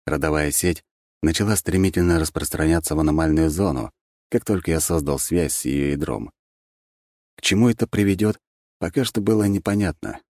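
Male audiobook narrator, measured and even, low voice, dry booth. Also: no echo. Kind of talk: scripted narration.

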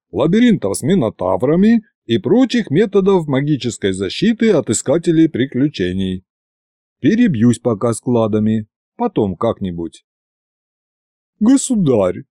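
A man narrating an audiobook in a lively, wry storytelling manner. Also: mid-range voice, moderate pace, no echo, studio quality.

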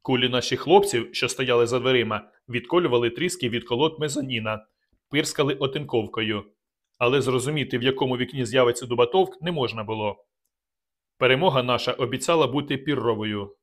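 A man's voice: medium pitch, a little fast. Man reading a dramatic audiobook. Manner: dramatic first-person reading. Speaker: audiobook narrator. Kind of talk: scripted narration.

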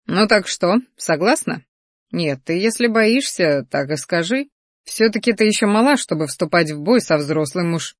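A woman voicing a mocking, smug male magic teacher in an audiobook, with a slow drawl. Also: on the low side, lively intonation, dry recording, studio quality. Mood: taunting.

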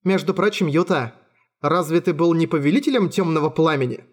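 A man's voice: on the high side, fairly quick, natural voice. A man voicing a theatrical teenage girl. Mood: grandiose. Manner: theatrical, solemn, mysterious. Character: eccentric teenage girl with grandiose fantasy talk.

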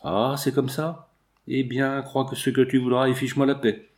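A man voicing a sharp-tongued young redheaded chorus girl, snapping back with dismissive retorts. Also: mid-range voice, level tone, normal speed, close to an everyday voice. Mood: snappish.

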